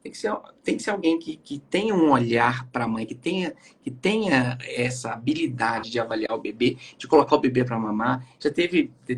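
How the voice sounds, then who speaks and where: A man with a Brazilian Portuguese accent, a pediatrician talking as a guest from his home on a video call. He tells lively stories and acts out what the mothers say. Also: a little high, gravelly, breathy edge. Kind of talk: casual live chat.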